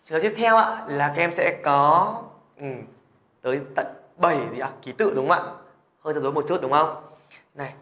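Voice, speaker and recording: A man's voice: on the high side, brisk, a bit bright, echoey room. A man teaching a language lesson, patiently repeating questions to check that students follow. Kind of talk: classroom lesson explanation.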